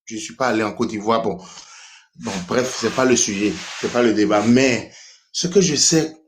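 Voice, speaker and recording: Young Beninese man, caller, halting delivery full of restarts. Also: on the low side, slight background noise. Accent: Beninese French. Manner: hesitant, many restarts and fillers. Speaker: caller in a live stream debate. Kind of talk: casual call-in talk.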